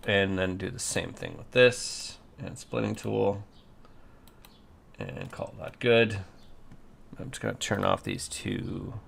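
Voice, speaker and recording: Very gravelly, slow-talking sleepy man. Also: on the low side, a little hiss or hum. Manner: mutters to himself, repeats words like cool and yep. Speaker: designer working through a 3D model. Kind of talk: thinking aloud while working on a computer.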